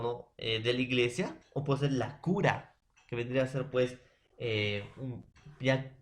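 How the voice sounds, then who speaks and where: A man teaching a grammar lesson to a class, slow and repetitive, often checking in with his students. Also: mid-range voice.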